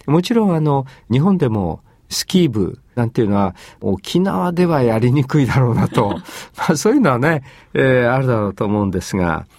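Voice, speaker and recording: A man hosting an English lesson, explaining phrases in Japanese in a measured way with many fillers. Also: mid-range voice, very animated, darkish tone, no echo, studio quality. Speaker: English teacher and host.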